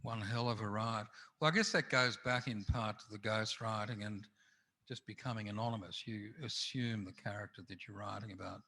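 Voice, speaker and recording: A male interviewer with a lowish, bright and forceful voice. He asks short, direct questions of his guest at a festival event. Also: steady tone, moderate pace.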